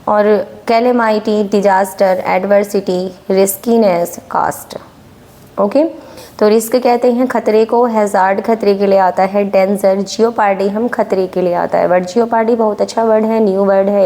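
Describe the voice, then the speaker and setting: A woman's voice: medium pitch, warm tone. A woman teaching English vocabulary for exam prep, repeating each word and its meaning and often checking in with "okay?".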